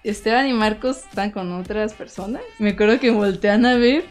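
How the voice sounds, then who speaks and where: A woman's voice: mid-range voice, normal speed, soft background music. A young woman with a Mexican accent, casually telling friends about a dream, acting out the voices and laughing often. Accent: Mexican Spanish. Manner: animated storyteller, acts out voices, laughs often.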